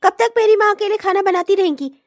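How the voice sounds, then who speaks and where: Woman doing a bratty teen sister in a cartoon, squeaky high, giggly and mean. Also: fast, no room sound, studio quality. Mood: taunting. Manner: teasing, giggling, sarcastic. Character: mocking teenage sister-in-law, bratty. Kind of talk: comic cartoon voice acting.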